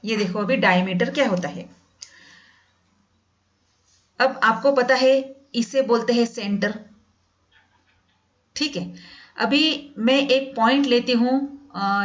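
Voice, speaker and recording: A woman teaching a math class, patiently repeating each definition slowly and addressing her students as "beta". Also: on the high side. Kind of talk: classroom lesson in Hindi with English definitions. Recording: dull lo-fi sound.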